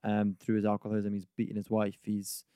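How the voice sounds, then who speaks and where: A man's voice: fairly low pitch, monotone, fairly quick, mellow, smooth, dry recording. A man co-hosting a casual podcast, rambling through stories with lots of ums and likes. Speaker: podcast co-host.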